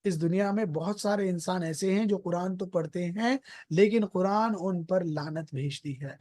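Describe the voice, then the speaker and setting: Tajweed teacher going over terms patiently, mid-pitched voice, slows way down on the english bits. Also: dark tone. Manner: patient, explains terms one by one with examples; slows down sharply on English phrases. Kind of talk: explanatory religious lesson.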